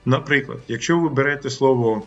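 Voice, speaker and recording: A man's voice: medium pitch, a little fast, highs cut off, faint music behind. A middle-aged man teaching English pronunciation, demonstrating and repeating vowel sounds aloud. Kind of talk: pronunciation lesson.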